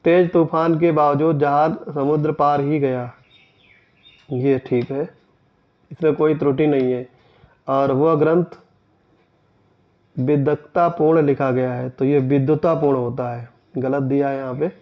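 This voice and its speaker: A man with a slightly high-pitched voice works through exam questions. He reads each sentence aloud and then corrects it, step by step. The recording sounds dull and lo-fi. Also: fairly even intonation, measured pace, pauses often. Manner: methodical, repeats sentences then corrects them. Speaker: exam coaching teacher. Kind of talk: explaining mock test answers.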